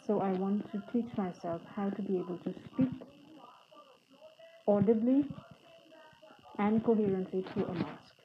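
A woman's voice: medium pitch, a little slow, long pauses. Woman talking through a face mask, phone-like sound. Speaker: podcast host. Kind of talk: casual podcast talk and reading aloud from a book. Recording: phone-like narrow band, faint background noise.

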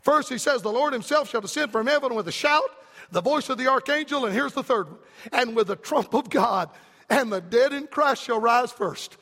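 A man preaching a fiery revival sermon in an emphatic, rhythmic cadence that climbs to shouts. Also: very high voice, animated, normal speed, long reverb tail.

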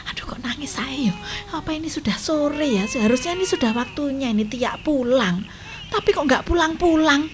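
A woman playing a fretful Javanese grandmother. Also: fairly high pitch. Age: older. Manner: fretful, coaxing, chatty. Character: fussing grandmother soothing a crying grandson. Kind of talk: family drama acting. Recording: steady background noise.

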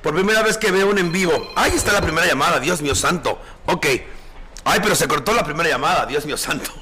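A man's voice: on the high side, lively intonation, a little fast, sharp tone, a little hiss or hum. A man hosting a live call-in show as a drag performer, campy, affectionate and swearing freely.

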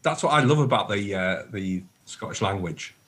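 A man's voice: fairly low pitch, lively intonation, moderate pace, fairly bright tone, husky. A man co-hosting a radio show, chatting casually and enthusiastically. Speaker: radio co-host.

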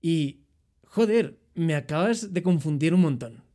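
A man voicing a young male hotel receptionist with a Spanish accent from Spain, talking in a brisk, exclaiming way. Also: fairly high pitch, expressive, mellow. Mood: surprised.

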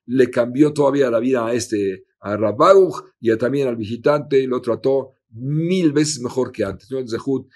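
A man's voice: medium pitch, normal speed, few pauses, a little mellow. A man, a rabbi telling a story in a sermon and acting out the dialogue with many repeated words. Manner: acts out dialogue with frequent "le dice" and repeated words.

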